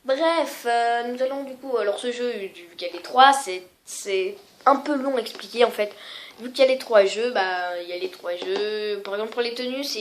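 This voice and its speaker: Une femme qui présente ses jeux vidéo sur un ton décontracté, en hésitant souvent et en se moquant d'elle-même. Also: female voice, fairly high pitch. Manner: rambling, many fillers and self-mocking asides. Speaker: gaming vlogger. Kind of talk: casual video game showcase.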